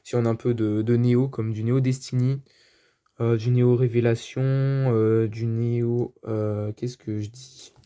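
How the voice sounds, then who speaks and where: A man's voice: mid-range voice, level tone, a little slow, mellow, clear, resonant tone. A man with a French accent presenting his card collection in a casual, hesitant chat full of fillers. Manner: chatty, hesitant, many fillers. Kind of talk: casual show-and-tell.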